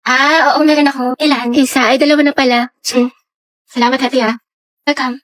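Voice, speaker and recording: A woman's voice: high-pitched, fairly even intonation, fairly quick, fairly bright tone, dry recording. Giddy, teasing young woman in a skit. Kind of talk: comedy skit acting.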